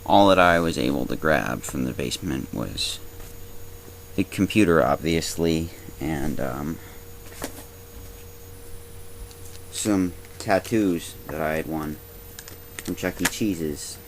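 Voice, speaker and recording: A man playing an awkward, deadpan zombie apocalypse survivor, rambling hesitantly in a fictional video diary. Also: rumbling low, unhurried, vocal fry, a little hiss or hum, full character voice, rough recording. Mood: shaken, rambling. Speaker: video diarist. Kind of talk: fictional confessional vlog monologue.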